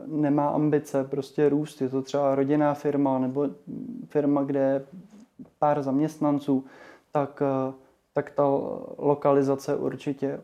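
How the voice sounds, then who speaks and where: Even-toned man with a mellow voice. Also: on the high side, lo-fi sound. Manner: hesitant, many fillers and restarts. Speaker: guest, marketing association chairman. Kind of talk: casual interview talk.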